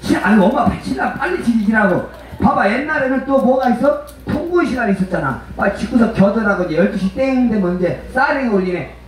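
A man's voice: high-pitched, animated, a little fast, slight background noise. A man performing as a pumba street entertainer, joking bawdily and teasing the audience at an outdoor festival. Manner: teasing, brash, calls listeners mother and father. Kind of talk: bawdy comic banter with the crowd. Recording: heavy echo, voice from far off.

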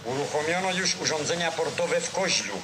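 A man's voice: a little high, lively intonation, brisk. A man narrating a 1940s newsreel in a solemn, declamatory old-style. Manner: solemn, declamatory, formal delivery. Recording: vintage 1940s newsreel soundtrack with music.

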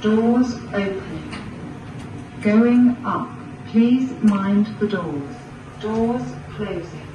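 A woman's recorded voice giving clipped automated lift announcements over a loudspeaker, heard inside a shopping centre lift. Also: medium pitch, animated, very slow, pauses often, muffled recording, background noise. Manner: clipped, evenly paced announcements. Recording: echoey and distant, busy shopping centre crowd behind.

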